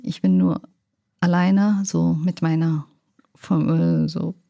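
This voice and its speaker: A young woman from Afghanistan tells her story slowly and haltingly, with many pauses and fillers while she looks for the right word. Her voice is mellow and a little low for a woman. The recording is dry and close. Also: sing-song, gravelly, no room sound. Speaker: interviewee. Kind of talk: personal life story interview.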